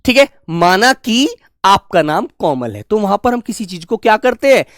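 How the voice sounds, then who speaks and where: Animated male Hindi teacher drilling sounds. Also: high voice, normal speed, no echo, studio quality. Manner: affectionate, calls listeners "my dear children"; repeats and drills sounds aloud. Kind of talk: exam coaching lesson.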